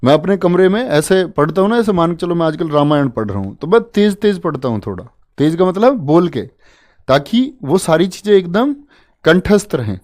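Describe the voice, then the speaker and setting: This man's voice sits on the high side, with lively intonation, a normal pace and a darkish tone. He's running a casual, playful exam-prep lesson, coaxing students along with jokey memory tricks. He's chatty and calls his listeners "bhai."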